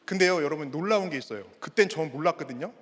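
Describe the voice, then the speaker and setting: Middle-aged man, pastor preaching, high voice, very lively pitch swings, rhetorical questions. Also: fast talker. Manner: asks the congregation rhetorical questions. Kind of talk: sermon. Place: church sanctuary. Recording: long reverb of a church hall.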